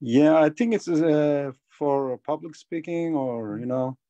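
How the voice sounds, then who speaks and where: Man from Turkey, shy, halting, simple phrasing, mellow tone, dry sound. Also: fairly high pitch, no room sound, dull audio. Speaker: student. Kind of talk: halting self-introduction.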